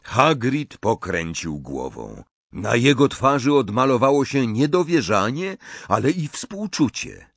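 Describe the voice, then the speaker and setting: A man narrating an audiobook in a measured, expressive reading. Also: medium pitch, no room sound. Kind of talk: scripted storybook narration.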